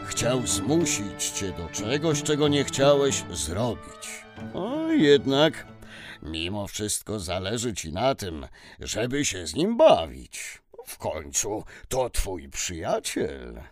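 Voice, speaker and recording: An actor playing a jolly, wise old Santa Claus who speaks in a patient, theatrical, chuckling way for a children's audio story. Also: male voice, fairly low pitch, wildly swooping pitch, slow, soft background music, heavily acted. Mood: understanding.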